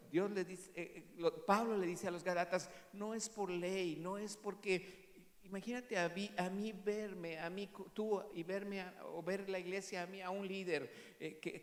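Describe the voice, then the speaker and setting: A man, a pastor preaching an animated sermon that swings from loud to hushed. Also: high-pitched, in a large hall. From Mexico. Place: church hall.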